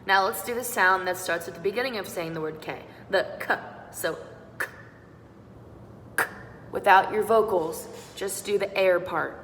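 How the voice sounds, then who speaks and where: A woman's voice: medium pitch, moderate pace, hardly any pauses, a bit bright. A young woman singing teacher giving an upbeat online beatboxing lesson, walking learners through each sound step by step. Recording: roomy echo with long reverb and faint noise.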